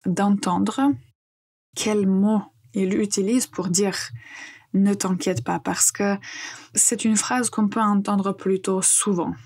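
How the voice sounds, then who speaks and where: A woman teaching French on a podcast, explaining phrases patiently with frequent pauses and hesitations. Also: mid-range voice, steady tone, a little mellow, breathy edge. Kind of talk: podcast language lesson.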